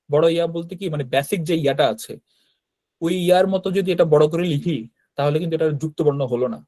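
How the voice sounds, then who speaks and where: Teacher, male, Bangladeshi Bengali accent, patient explainer, slightly high voice, dry close recording. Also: darkish tone, no room sound. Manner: explains patiently, often checks in with "right?". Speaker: Japanese language teacher. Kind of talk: online class with screen sharing.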